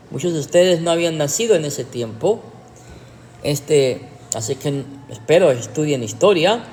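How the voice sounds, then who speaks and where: A man's voice: on the high side, a little mellow, in a large hall, a little hiss or hum. A man, a pastor, preaching a livestreamed teaching sermon in a sarcastic way, with emphatic rhetorical questions.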